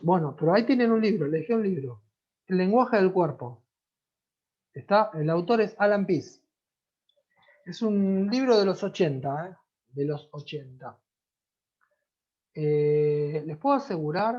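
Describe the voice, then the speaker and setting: Lively Rioplatense teacher on a video call. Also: mid-range voice, unhurried, long pauses. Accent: Rioplatense Spanish. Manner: conversational, checks in often with listeners. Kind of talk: online class lecture. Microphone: computer mic on a video call. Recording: dull lo-fi video-call audio.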